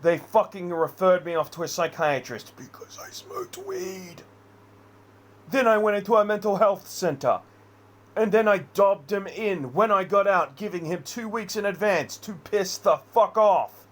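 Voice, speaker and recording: A man's voice: high voice, lively intonation, normal speed. A man in an unscripted personal rant, rambling, heavily profane and agitated. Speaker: vlogger.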